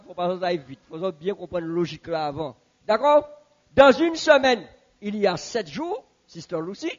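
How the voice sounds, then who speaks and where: A man teaching a Bible class in a church, asking the audience questions and repeating answers slowly. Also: sits high, a bit bright, highs cut off.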